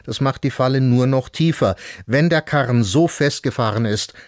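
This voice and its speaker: Male radio host, measured scripted news read, casual asides, dry close studio sound. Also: medium pitch, no echo. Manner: clear, measured delivery with conversational asides.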